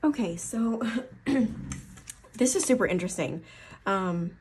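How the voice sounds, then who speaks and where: A woman's voice: lowish voice, fairly even intonation, normal speed, slight background noise. A woman with an Appalachian accent giving a casual tarot card reading, rambling and correcting herself as she thinks aloud. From Appalachian foothills, USA. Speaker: tarot reader.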